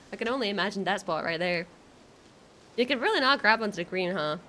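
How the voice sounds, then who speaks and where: A woman doing casual live game commentary for her stream chat, excitable and nervous, with giggles and exclamations. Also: medium pitch, moderate pace, a little hiss or hum.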